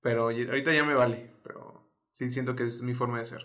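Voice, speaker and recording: Young mexican dude, chatty and jokey, laid back slang. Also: male voice, medium pitch, fast. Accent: Mexican Spanish. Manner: outgoing and joking, relaxed slang. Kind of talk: casual chat.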